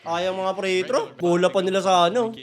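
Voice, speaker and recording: Excitable guy, hoarse with flu, higher voice, live game reactions, lots of cursing. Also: normal speed, soft background music. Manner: excitable, swears often, shouts at players. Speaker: fan watching and reacting to a basketball game.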